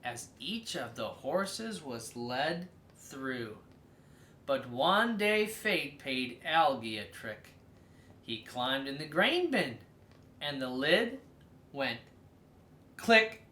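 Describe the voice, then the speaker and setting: In a clearly echoing room, a storybook reader hosts a read-aloud for kids. The pace is slow and drawn-out, and the medium pitch rises and falls dramatically with heavy stress on important words.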